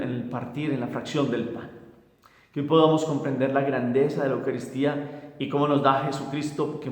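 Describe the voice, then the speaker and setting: A priest leads a gospel meditation and a prayer in a reflective, unhurried way, often circling back and repeating words. His voice sits at an ordinary male pitch. It rings out in a roomy space with a long reverberant tail. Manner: reflective, with frequent restarts and repetitions.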